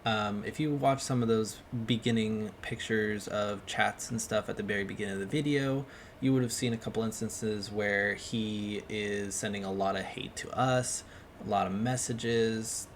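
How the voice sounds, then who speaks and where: A man hosting a commentary video, talking in a measured way and often saying "honestly.". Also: fairly low pitch, fairly even intonation, slight background noise. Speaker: YouTuber host.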